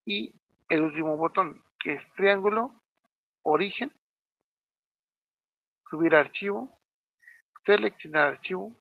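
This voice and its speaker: A man with a Mexican Spanish accent walks students through a programming tutorial one step at a time, often pausing to ask if they are following. His voice sits a little high and has a gravelly edge. The sound is tinny and narrow, like a phone line, with no room echo. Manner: step-by-step, checks in with frequent "¿sí?". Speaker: teacher. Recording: tinny phone-like audio, dry.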